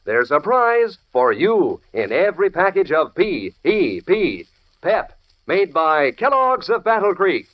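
A man announcing as a 1940s radio pitchman, chummy and enthusiastic, in a folksy sales style. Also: wildly swooping pitch, slow pace. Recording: dull lo-fi old radio recording.

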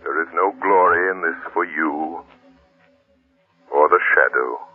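An actor playing a grave, moralizing mystery crime fighter with oratorical delivery, on a muffled 1940s radio drama recording. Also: male voice, deep voice, a little slow, husky, soft background music. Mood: solemn rebuke. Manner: solemn, oratorical.

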